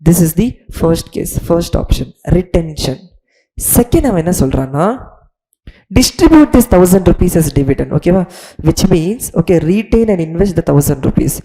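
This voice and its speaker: South indian tamil lady teacher, super fast talker, lowish mellow voice, repeats points and checks you get it. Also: very animated, poor audio. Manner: emphatic, repeats phrases and checks understanding. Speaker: finance teacher. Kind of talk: classroom lecture mixing English and Tamil.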